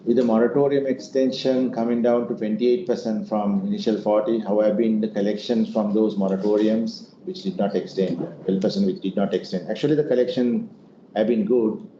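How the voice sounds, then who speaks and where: On an earnings call, a male executive answers investor questions in a semi-formal manner. His voice is on the low side with fairly even intonation and a fairly quick pace. The audio is muffled and noisy, in an echoey room.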